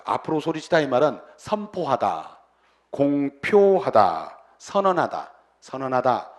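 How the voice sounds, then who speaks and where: A middle-aged man teaching an English vocabulary lecture, breaking words into roots and repeating their meanings in chanted lists for students to echo. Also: mid-range voice. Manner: has students repeat pronunciations after him.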